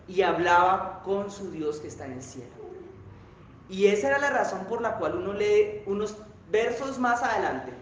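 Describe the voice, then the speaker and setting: A male pastor preaching a sermon, telling a story with dramatic rises and drops in pitch and loudness, recorded in a church hall. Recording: very echoey church hall with faint noise.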